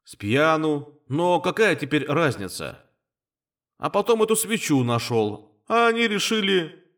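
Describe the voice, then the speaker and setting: A man's voice: a little high, sing-song, a little slow, a bit bright, pitched above the performer's own voice, heavily acted. Man doing a coarse, grumbling fisherman ghost. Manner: grumbling, colloquial. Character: ghost of a drowned drunk fisherman, coarse, easygoing.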